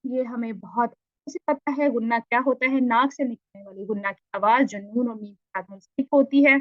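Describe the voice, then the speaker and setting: A woman's voice: fairly high pitch, steady tone, a little fast, no room sound, muffled recording. A woman teaching Tajweed in an online lesson, patiently repeating points and asking checking questions.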